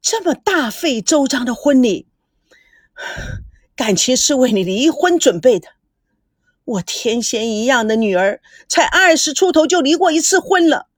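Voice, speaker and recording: A woman voicing an enraged male company chairman in his fifties who shouts threats. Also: extremely high pitch, animated, moderate pace, husky, no echo, clean studio sound, exaggerated voice. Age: 50s. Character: furious middle-aged male company chairman.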